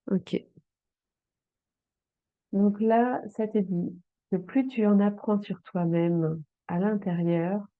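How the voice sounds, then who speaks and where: Woman, tarot reader, slow and hesitant with lots of fillers, fairly low voice, dry phone-like sound. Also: no room sound. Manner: slow, hesitant, with many fillers, speaking directly to the viewer. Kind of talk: tarot reading for viewers.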